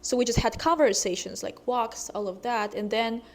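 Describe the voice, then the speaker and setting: A young woman talks casually to her camera in a vlog, in a fairly high voice. She chats openly and often stops to hunt for words, filling the pauses with ums. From Russia. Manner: chatty, with frequent hesitations and ums. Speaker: vlogger.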